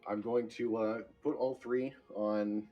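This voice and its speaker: A man's voice: fairly low pitch, fairly even intonation, measured pace, mellow, lo-fi sound, faint music behind. A man playing a tabletop game, voicing an unhinged gunsmith in a brash, profane way. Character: unhinged male gunsmith, reckless and crude. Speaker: player.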